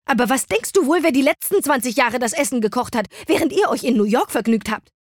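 A woman's voice: high-pitched, animated, a little fast, no echo, clean studio sound, pitched above the performer's own voice. A woman voicing a frantic middle-aged mother who shrieks with indignation in an audiobook. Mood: indignant.

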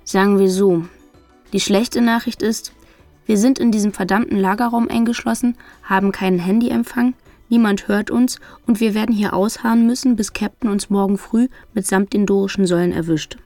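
A woman's voice: medium pitch, moderate pace, no echo, soft background music, natural voice. A woman doing a dry, teasing young guy. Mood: wry. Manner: calm, wry, unbothered.

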